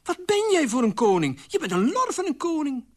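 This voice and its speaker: A man voicing a sensible, sharp-tongued young queen in a high, indignant, quick voice. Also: big pitch swings, husky, full character voice.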